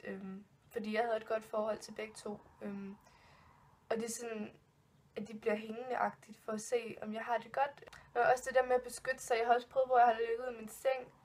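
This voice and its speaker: Spooked and giggling nervously, a twenty-something woman recounts ghost stories for her casual vlog. Her voice is fairly high and a little mellow, and her telling is full of fillers and restarts.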